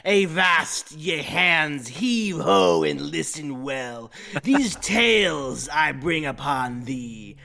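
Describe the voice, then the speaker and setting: A man's voice: fairly high pitch, expressive, very slow, vocal fry, bright, forceful tone, exaggerated voice. A man voicing a boisterous pirate storyteller, reading in theatrical pirate talk.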